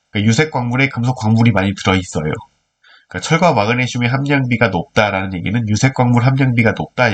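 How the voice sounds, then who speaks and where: Nasal, stuffy-nosed male teacher explaining. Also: medium pitch. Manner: informal, step-by-step explaining with rhetorical questions. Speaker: earth science teacher. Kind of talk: explanatory video lesson, working through problems.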